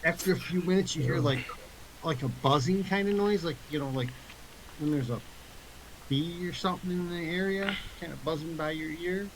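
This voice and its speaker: A man with a slightly high voice narrates a tabletop game. He builds his descriptions casually and haltingly as game master. A faint hiss sits behind him. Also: rough recording.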